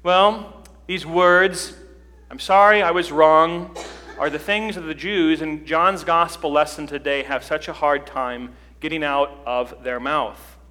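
Pastor preaching in a reverberant church. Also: male voice, a little high, fairly even intonation, a little slow, bright, forceful tone. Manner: conversational preaching, rising emphasis. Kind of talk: sermon. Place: church sanctuary.

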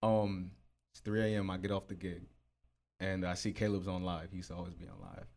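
A man's voice: deep voice, little pitch movement, brisk, darkish tone. A man, a guest musician, telling a story in casual slangy talk, laughing often. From Florida.

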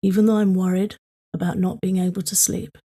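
In a low, mellow voice, a woman leads a tapping meditation meant for sleep. She sounds very breathy and airy, delivering slow, repetitive, soothing prompts flatly and evenly.

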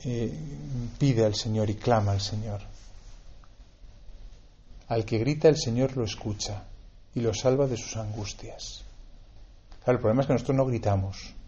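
A man's voice: mid-range voice, a little mellow. A man from giving a conversational homily, with many tag questions and repeated words. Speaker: priest. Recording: dull lo-fi recording.

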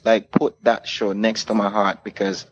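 His voice sits lowish with little pitch movement at a moderate pace as this Caribbean man, a DJ guest, tells laid-back anecdotes in an interview and plays out the dialogue. Sound quality is muffled, with clear room noise.

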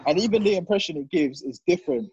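Husky young London roadman. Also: sits high, lively intonation, fast talker, a little mellow, muffled recording. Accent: London, urban street slang. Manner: blunt, slangy, repeats himself for emphasis. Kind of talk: casual group banter.

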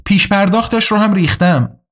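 A man voicing a calm, soft-spoken hacker in an audiobook, speaking quietly and evenly. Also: sits high, voice pushed up. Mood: calm, earnest. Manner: quiet, measured, composed. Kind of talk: audiobook character reading.

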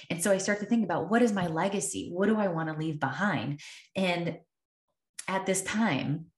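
Low-voiced woman telling a story on her podcast, earnest, keeps repeating lines for emphasis, echoey room. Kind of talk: reflective personal storytelling.

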